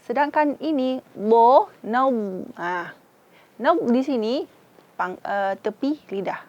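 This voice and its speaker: A woman's voice: a little high, animated, slow, a little mellow, lo-fi sound. A woman from Indonesia with an Acehnese accent, teaching Quran recitation and patiently sounding out each syllable. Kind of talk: slow, careful tajwid instruction.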